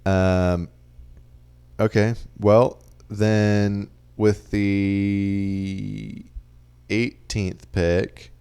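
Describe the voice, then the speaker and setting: A young man co-hosts a podcast in easygoing chat, with dry, teasing banter. His voice sits very low and carries a gravelly fry. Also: little pitch movement, very slow, pauses often, mellow. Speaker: podcast co-host. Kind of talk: casual chat.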